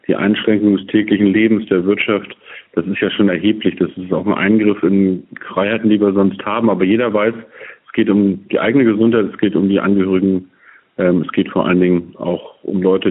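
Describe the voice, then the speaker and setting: A low-voiced man speaks on a low-quality phone line, thin and phone-like, with a slightly husky edge. He talks as a politician guest in a remote podcast interview, laying out points steadily with frequent fillers. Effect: low-quality phone-line sound.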